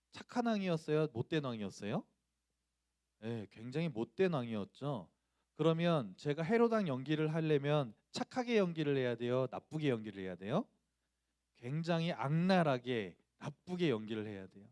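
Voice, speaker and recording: A male pastor gives a storytelling sermon to young people, pausing to ask them questions. His voice sits a little high and swings widely in pitch. The sound is close and dry. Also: no echo. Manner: storytelling, asks the congregation questions; acts out quoted voices loudly. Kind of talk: sermon to students.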